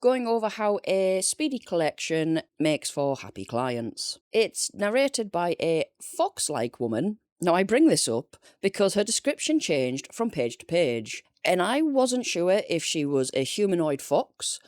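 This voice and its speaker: Chatty Northern English woman, low and lively. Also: unhurried, hardly any pauses, no echo, studio quality. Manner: chatty and jokey, laughing at herself. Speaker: book reviewer. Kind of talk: casual unscripted video review.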